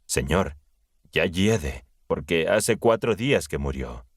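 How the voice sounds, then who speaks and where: A man's voice: sits low, animated, takes it slowly, dry recording, clean studio sound, full character voice. A man reading the lines of Martha, a grieving, faithful woman, in a Bible audiobook, earnest and pleading.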